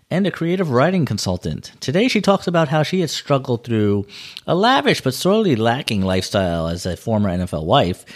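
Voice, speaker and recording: A man with an American accent, hosting an interview podcast and introducing and questioning his guest. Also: fairly low pitch. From New Jersey, US. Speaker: podcast host.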